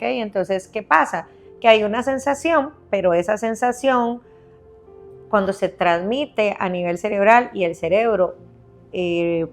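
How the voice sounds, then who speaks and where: A woman specialist patiently explaining baby health on a podcast, step by step, often checking in with her listener. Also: fairly high pitch.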